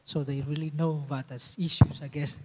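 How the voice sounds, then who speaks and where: A man's voice: a little high, level tone, normal speed, a little mellow. A man moderating a lecture Q&A session, talking in an informal way. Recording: reverberant hall.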